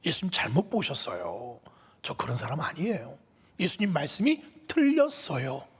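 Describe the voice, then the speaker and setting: A cocky, self-assured male disciple, as a husky-voiced preacher puts him on, his voice high and lively. His words ring out with a long reverb through a large hall. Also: normal speed, full character voice. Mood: defiant. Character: boastful, overconfident male disciple.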